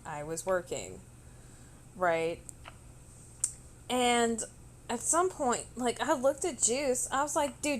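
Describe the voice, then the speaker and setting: A woman streamer telling a story in casual, animated chat, swearing freely. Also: on the high side.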